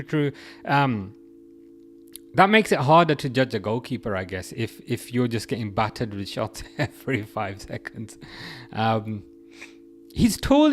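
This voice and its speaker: A young man with a medium-pitched voice hosts a laid-back football livestream. He reads out chat messages and rambles through his thoughts, often restarting.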